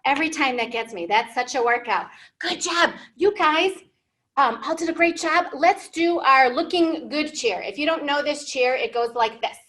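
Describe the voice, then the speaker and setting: At a whiteboard in a library room, a woman in her thirties leads an interactive storytime lesson for young English learners. The American host speaks at a moderate pace in a high, slightly bright voice, keeping her phrases simple, encouraging, and teacherly and asking questions along the way.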